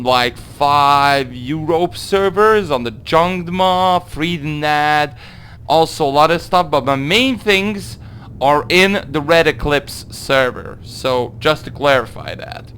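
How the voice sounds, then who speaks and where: A young man from Hungary with a Hungarian accent, answering viewer questions in a casual gaming Q&A, halting through his English with many fillers. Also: fairly high pitch, fairly bright tone, slight background noise. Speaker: gaming video creator. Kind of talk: casual Q&A monologue.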